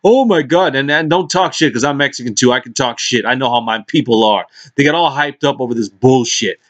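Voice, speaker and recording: A mid-pitched man rants to his camera in a brash, mocking way, swearing nonstop. Between outbursts he drifts into lazy, mumbled asides. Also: brisk, fairly bright tone. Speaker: vlogger. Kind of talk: profane casual rant.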